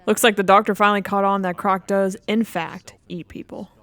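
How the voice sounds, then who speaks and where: A woman's voice: mid-range voice, level tone, fairly quick, fairly bright tone, no echo. A woman giving casual, enthusiastic fan commentary as a video host reacting to game audio.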